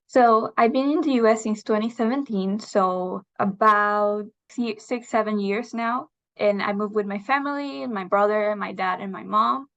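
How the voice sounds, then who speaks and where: A young woman from Venezuela answers interview questions in a thoughtful, hesitant way, often pausing with fillers. Her voice sits at a middle pitch, and the recording has a slightly dull, lo-fi sound. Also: a bit bright. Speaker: interview guest. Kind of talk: video interview.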